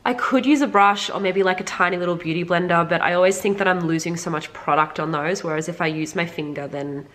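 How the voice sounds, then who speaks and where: This beauty vlogger has a cold, so her fairly low, somewhat bright voice comes out congested and a little nasal. She talks fast, barely pausing, chatting directly to viewers about makeup in an informal way full of "like."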